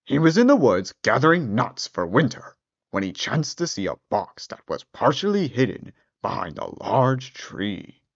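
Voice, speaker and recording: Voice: mid-range voice, very animated, measured pace, husky, no room sound. A storyteller giving a theatrical, wry comic narration of a fairy tale on a dull lo-fi recording.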